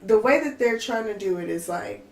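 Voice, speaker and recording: Podcast co-host, female, animated and exasperated, lots of "like" and "I mean". Echoey room. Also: medium pitch, normal speed. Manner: animated, exasperated, ranting with many fillers. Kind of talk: casual chat. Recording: echoey room with faint noise.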